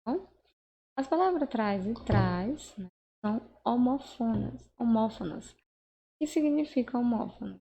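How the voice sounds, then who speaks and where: A woman's voice: fairly high pitch, expressive, unhurried, creaky, mellow, dull audio, slight background noise. A woman teaching a grammar lesson, explaining patiently step by step and checking in with the listener. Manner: patient, explains step by step with frequent tag questions. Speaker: Portuguese teacher.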